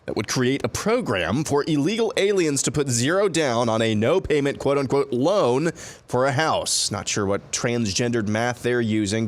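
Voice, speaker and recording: A man narrating scripted political commentary. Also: mid-range voice.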